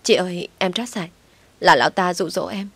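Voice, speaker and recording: A woman's voice: lowish voice, brisk, a bit bright, breathy edge, no room sound. A woman voicing a frightened young mistress who stammers and pleads for mercy. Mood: begging.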